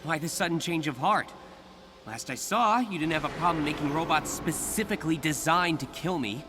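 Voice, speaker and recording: Man playing lively young Spider-Man, wisecracking and earnest. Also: a little high, normal speed, background noise, natural voice. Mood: guarded, suspicious. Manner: quippy, earnest. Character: young wisecracking masked superhero, earnest and eager. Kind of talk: video game voice acting.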